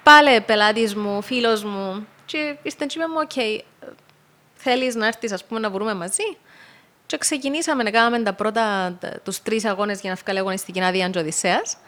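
Young Cypriot Greek woman, rally co-driver guest, chatty and rambling, mid-pitched. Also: fairly bright tone. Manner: chatty, loose storytelling with many fillers. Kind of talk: casual podcast conversation.

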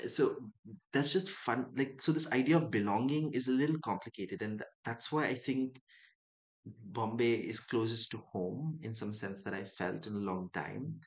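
In poor-quality audio, a mid-pitched young man, a writer with roots in Dubai and Chennai, reflects aloud as a guest in an interview. He muses thoughtfully and performs the voices of people he quotes.

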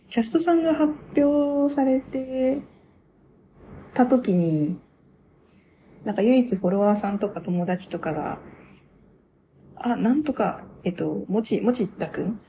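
A young woman talking casually on her own radio show, reviewing a stage play as an excited, gushing fan who laughs often. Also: on the high side, slow pace, pauses often, slight background noise. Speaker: podcaster.

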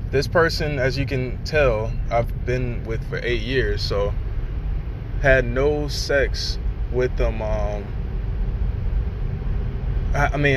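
A man in his late twenties talking candidly and at length in a casual personal podcast monologue, recorded in a car. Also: medium pitch. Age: 20s. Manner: candid, rambling, conversational. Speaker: podcast host. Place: in a car during rain. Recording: rain and car noise behind.

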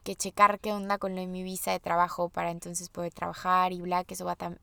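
A woman's voice: on the low side, completely flat delivery, fast talker, vocal fry, bright, forceful tone, smooth, no echo. A young Mexican woman hosting her podcast, talking casually and confidingly about her life and acting out the lines she quotes. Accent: Mexican Spanish. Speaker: podcast host. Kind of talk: casual personal monologue.

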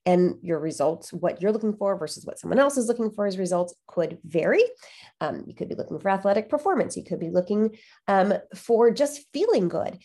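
A podcast host with a cold talks solo, explaining things conversationally and with emphasis. Her mid-range, mellow voice moves fairly quickly with lively intonation, though it sounds nasal and congested.

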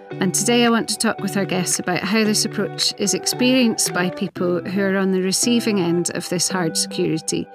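A woman hosting a podcast, speaking in a measured, earnest way as she introduces guests and asks questions, with occasional self-corrections. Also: mid-range voice. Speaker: podcast host. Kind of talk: scripted podcast introduction and interviewing.

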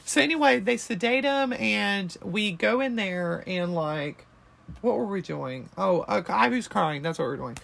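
Young woman co-host, loose and profane, with a lively, fry-tinged voice. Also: mid-range voice, unhurried. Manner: rambling, swearing, giggly. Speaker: podcast co-host. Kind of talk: casual chat.

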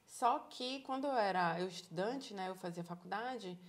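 Thirties woman, Bahian Brazilian accent; animated, encouraging interviewee. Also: medium pitch, normal speed. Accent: Bahian Brazilian Portuguese. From Salvador, Bahia, Brazil. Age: 30s. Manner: animated storyteller, acts out quoted dialogue, encouraging. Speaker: interviewee, psychologist living abroad. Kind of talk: casual conversational interview.

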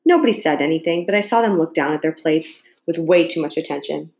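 A woman reading a novel aloud as an audiobook, narrating calmly in the first person. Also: low voice, brisk, creaky. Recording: echoey room.

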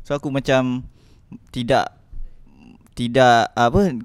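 A man's voice: medium pitch, fairly even intonation, takes it slowly, smooth, no room sound. A young man with a Malaysian Malay accent, telling rambling, self-mocking stories in a casual podcast chat. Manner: rambling, self-mocking storytelling with repeated restarts.

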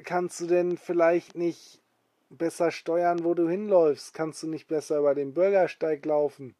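A man's voice: fairly high pitch, flat delivery, moderate pace, dark tone, no echo, voice pushed up, lightly acted. A man voicing a grumbling car driver in an improvised children's story, complaining.

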